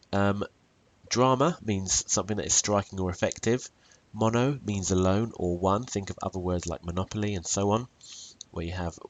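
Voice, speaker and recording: A British man teaching poetry in a tutorial video, asking questions and telling students to pause and think. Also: deep voice. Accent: British English. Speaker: English teacher.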